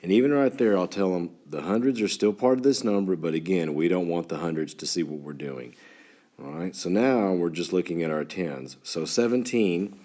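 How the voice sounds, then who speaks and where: Really deep voiced west texas guy, twangy accent, folksy teacher explaining stuff to his class. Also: normal speed, warm tone. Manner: folksy, talks as if to a class of children. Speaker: school teacher. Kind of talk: instructional math lesson for students, informal.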